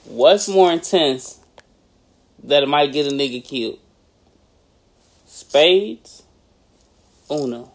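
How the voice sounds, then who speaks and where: A man with a high voice for a guy, trading quick jokes and mock-angry comebacks on a casual podcast. He curses freely and keeps the banter moving. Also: animated. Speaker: podcast co-host. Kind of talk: casual chat.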